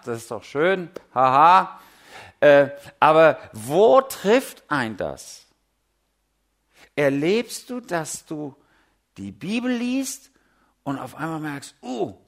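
Here a middle-aged man preaches with a somewhat high voice, keeping things animated and informal. Everyday tales and pointed questions to the audience fill his sermon.

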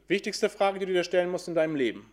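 A man preaching a sermon to a congregation, asking questions and answering them himself, and slowing down when he quotes scripture. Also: high-pitched, animated.

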